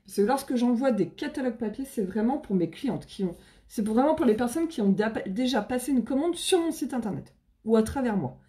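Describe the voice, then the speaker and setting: A woman's voice: a little high, expressive, a little fast, warm tone. A woman with a French accent, chatting on a live stream as she presents makeup, bubbly, with casual slang and greetings to viewers by name. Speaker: independent makeup seller. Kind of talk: live stream sales chat.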